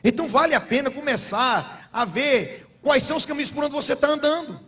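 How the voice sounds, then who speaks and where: Brazilian pastor preaching, high voice. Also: male voice, animated, a little fast, fairly bright tone. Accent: Brazilian Portuguese. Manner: storytelling preacher, humorous anecdotes, rising to emphatic exhortation. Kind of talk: sermon at a couples' conference.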